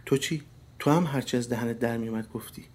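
A man voicing a sharp-tongued wife who needles and mocks her husband in a dry tone. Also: husky, natural voice. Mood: needling. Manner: dry, mocking, turns shrill and scolding.

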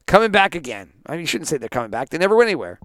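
A man's voice: on the high side, very animated, racing, a bit bright, no room sound. Male podcast host, profane sarcastic ranter, resonant tone, dry room. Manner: indignant, swearing, sarcastic. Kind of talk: profane ranting sports podcast.

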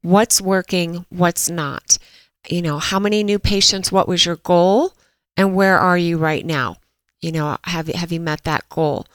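A woman's voice: fairly low pitch, unhurried, no room sound, low-quality recording. A woman hosting a dental marketing podcast in a chatty way, a little stuffy from allergies, with frequent fillers and restarts. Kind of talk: casual podcast talk.

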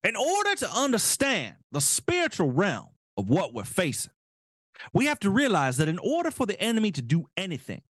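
A zealous male politician preaching about demonic forces in a high, overwrought sermonizing tone, as a man puts him on. The voice climbs well above a normal speaking pitch, and the room sounds dry and close. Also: wildly swooping pitch, fairly quick, a bit bright, no room sound, full character voice. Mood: preachy, zealous.

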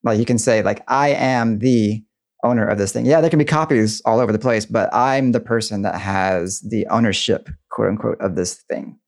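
A man's voice: fairly low pitch, steady tone, moderate pace. A man chatting on a podcast, sharing thoughtful, slightly hesitant opinions. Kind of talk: casual chat.

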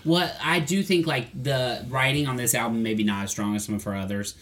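A man's voice: mid-range voice, steady tone, fairly quick, fairly bright tone. Chatty man rambling about pop music. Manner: chatty, rambling with many fillers and restarts. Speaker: podcast co-host.

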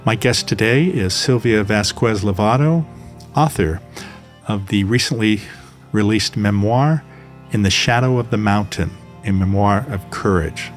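A man's voice: on the low side, measured pace, soft background music. A man hosting a podcast, introducing and questioning his guest with many fillers. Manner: warm, gently hesitant, with many uh fillers. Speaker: podcast host. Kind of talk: podcast interview.

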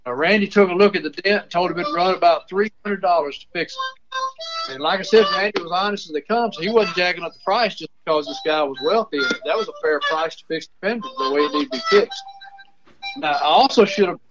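Older storyteller, slightly high voice, calling in on a speakerphone with muffled sound. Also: male voice, quick pace, music in the background. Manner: rambling, restarts often. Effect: heard over a phone speaker. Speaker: author and storyteller. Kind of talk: folksy storytelling.

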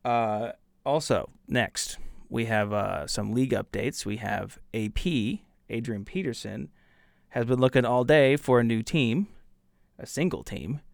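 A man's voice: mid-range voice, a little slow, gravelly, no echo, clean studio sound. A man hosting a casual solo podcast, talking bluntly and trash-talking, with lots of ums and uhs. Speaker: podcast host.

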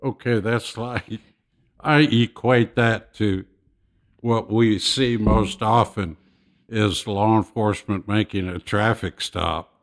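A man's voice: lowish voice, fairly even intonation, slow. A man co-hosting a podcast, chatting casually and laughing easily. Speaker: podcast co-host, the host's father.

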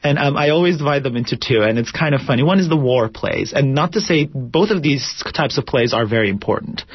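A man's voice: medium pitch, animated, fairly quick, husky, no echo. A man from Turkey, a theater director, answering interview questions in a thoughtful, reflective way with many fillers. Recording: dull lo-fi radio broadcast.

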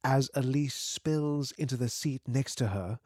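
A man's voice: mid-range voice, a little slow, darkish tone, dry recording, studio quality. A man narrating a literary story from a script.

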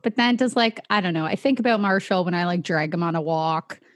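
A woman's voice: fairly low pitch, brisk, dry recording, studio quality. A woman co-hosting a podcast on a radio station, chatting in a lighthearted, casual way. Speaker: podcast co-host. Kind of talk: casual chat. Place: radio studio.

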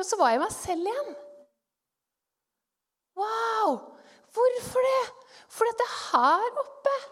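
Woman, middle-aged, high-pitched, testimony, animated storytelling, long reverb. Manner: animated storytelling, acting out her own thoughts. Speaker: speaker giving a testimony. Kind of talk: personal testimony.

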